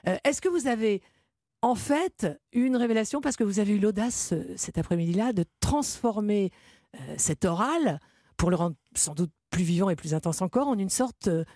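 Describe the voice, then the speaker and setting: A woman's voice: mid-range voice, animated, normal speed, warm tone, no echo, clean studio sound. A woman hosting a radio interview, asking long, elaborate questions with occasional hesitations.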